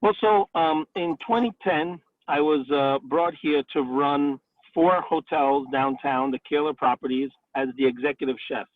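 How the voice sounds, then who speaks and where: A man's voice: a little high, normal speed, no room sound. A man in his forties, a restaurant owner and chef, talking casually in a career interview and filling his answers with "um" and "you know". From Italy, raised in the Bronx, New York. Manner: chatty, many fillers like "um" and "you know". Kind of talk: career interview over a call. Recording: tinny phone-like line, dry.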